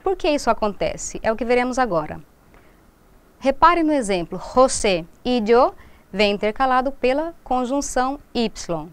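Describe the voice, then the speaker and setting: A Brazilian woman with a Minas Gerais accent teaches a Spanish grammar lesson. Her voice is smooth and resonant and sits a little high. She explains each rule step by step and slows down to read each example phrase aloud. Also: lively intonation. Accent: Brazilian Portuguese, from Minas Gerais. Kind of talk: recorded classroom lesson.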